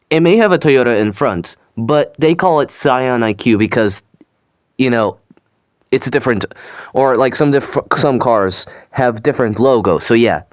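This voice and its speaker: A man's voice: medium pitch, no room sound, clean studio sound. A young man hosting his own reaction video, chatting casually and rambling, often trailing off with "so yeah". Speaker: channel host reacting to a video.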